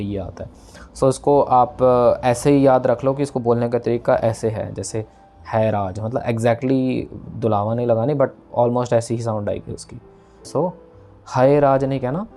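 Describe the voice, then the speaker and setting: A man teaching the pronunciation of scripture verses, patiently explaining each word and chanting the lines back slowly. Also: medium pitch, warm tone. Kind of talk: pronunciation lesson.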